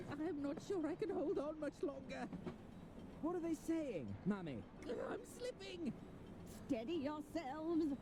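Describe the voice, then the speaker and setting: A woman voicing a whiny, impatient, straining eavesdropper in a comedic game. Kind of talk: comedic adventure game acting. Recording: distant, loud vehicle rumble.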